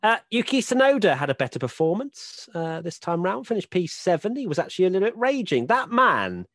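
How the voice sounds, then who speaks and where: A woman's voice: fairly low pitch, sing-song, a little fast, no echo, studio quality. A woman co-hosting a casual panel chat, teasing and upbeat. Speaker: co-host.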